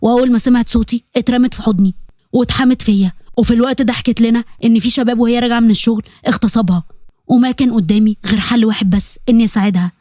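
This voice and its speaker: A woman with an Egyptian accent voicing a remorseful young man who pleads and confesses softly. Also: fairly high pitch, fairly even intonation, very fast, no room sound, clean studio sound, close to an everyday voice. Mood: pleading. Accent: Egyptian Arabic. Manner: soft, earnest, confessional.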